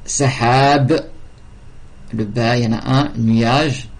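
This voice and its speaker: Slow, patient male teacher drilling pronunciation. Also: mid-range voice, fairly even intonation, gravelly. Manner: patient, repeats words slowly to drill pronunciation. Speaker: Arabic and religion teacher. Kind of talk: slow classroom lesson with repetition.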